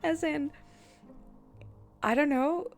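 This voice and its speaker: Faint music plays behind a young streamer from the Netherlands whose high voice moves at a slow pace. With her Dutch accent, she chats casually with viewers as she games, replying to chat, laughing frequently and often restarting what she's saying.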